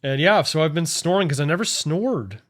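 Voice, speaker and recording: A man's voice: a little high, expressive, moderate pace, background noise. A man in his late thirties co-hosting a podcast, in loose, profane, laughing banter. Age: late 30s. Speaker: podcast co-host. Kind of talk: casual chat.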